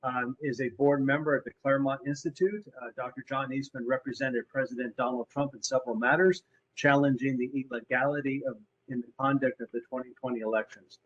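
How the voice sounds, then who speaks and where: A man moderating a session, reading a speaker's introduction in a halting way with fillers. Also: medium pitch, fairly even intonation, a bit bright. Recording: dull lo-fi online audio.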